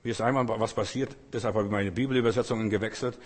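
Male preacher, earnest and fervent, husky tone, long hall echo. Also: fairly low pitch, fairly even intonation, fast talker. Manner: earnest, rises to loud fervent prayer. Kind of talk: sermon.

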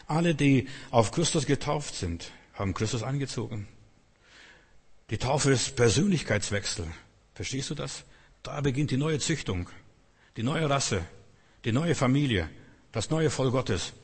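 Husky man preaching in a reverberant hall. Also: medium pitch. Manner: earnest, emphatic, repeats key phrases. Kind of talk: sermon.

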